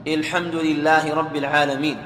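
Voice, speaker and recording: A man reading a classical text aloud to his teacher in a steady, formal way. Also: fairly high pitch, a little fast. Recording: echoey hall with faint noise.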